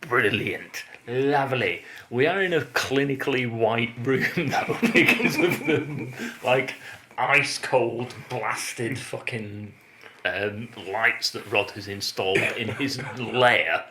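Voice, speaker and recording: A man's voice: mid-range voice, slow, pushed and bright. A man co-hosting a comedy podcast with a Northern English accent, rambling and giggling in casual chat. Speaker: podcast co-host. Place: bare echoey room at home. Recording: echoey room with noise.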